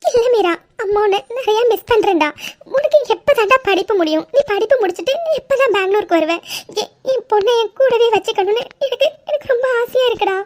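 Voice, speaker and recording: A woman's voice: high-pitched, quick pace, natural voice. A woman voicing an emotional, loving middle-aged mother in a cartoon. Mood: tearful. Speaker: mother character. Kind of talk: cartoon voice acting.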